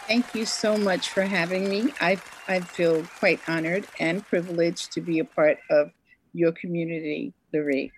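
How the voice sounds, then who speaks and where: An older woman speaking as a radio guest, her voice on the low side for a woman. She answers in a gracious, humble way. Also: fairly even intonation, moderate pace, slight background noise, rough recording. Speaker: guest, school founder.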